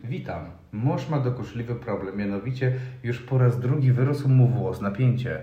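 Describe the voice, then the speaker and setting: A young man of ordinary pitch chats loosely and swears freely. He laughs often and reads forum posts aloud. The room around him echoes. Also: moderate pace, lo-fi sound. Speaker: podcast co-host. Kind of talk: casual chat.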